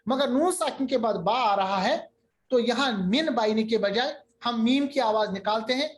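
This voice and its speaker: Patient man teaching Quran recitation. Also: extremely high pitch. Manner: patient, repeats terms, draws out recited examples slowly. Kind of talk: online tajweed lesson.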